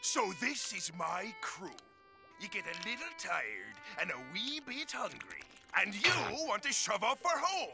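A man voicing a gruff, greedy middle-aged male crab captain in a cartoon, with a gravelly, blustering pirate manner. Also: high-pitched, huge pitch swings, a little slow, pushed and bright, full character voice. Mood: indignant. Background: cartoon music.

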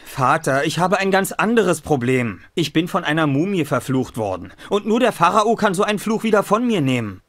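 A man's voice: fairly high pitch, big pitch swings, brisk, hardly any pauses, a bit bright, no room sound, studio quality. An actor playing a cocky, easily exasperated young man, the hero of an adventure game. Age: young adult.

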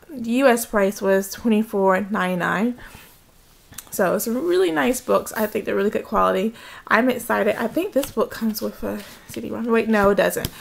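This craft vlogger has a mid-range voice with vocal fry. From behind a handheld camera in her home, she does an informal, enthusiastic haul, showing things off to viewers.

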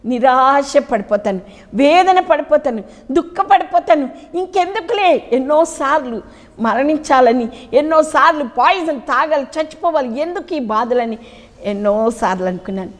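A middle-aged woman bishop giving a sermon with a personal testimony, emotional and pleading, rising into high urgent cries and dropping to low quiet lines. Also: expressive, normal speed. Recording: long hall reverb.

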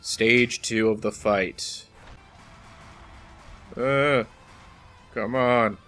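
A man with a clear, resonant, mid-range voice that's a bit bright speaks very slowly as he plays. Hosting a let's play, he addresses the boss directly with casual, wry, self-deprecating remarks while video game music runs underneath.

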